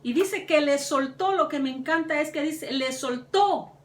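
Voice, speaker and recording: A woman's voice: high voice, moderate pace. A woman preaching a sermon with fervor, her voice climbing on the words she stresses. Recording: echoey room, mic at a distance.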